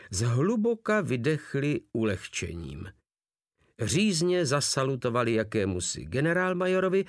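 A man narrating an audiobook in an expressive storytelling manner. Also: medium pitch, no echo, clean studio sound. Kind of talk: audiobook reading.

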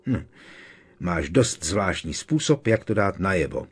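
Man doing a jealous snappy teen wizard boy, loud, audiobook. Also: medium pitch, animated, slightly rough, voice pushed up. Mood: jealous, sneering. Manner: sneering, snapping. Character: sulky quarrelsome teenage boy wizard.

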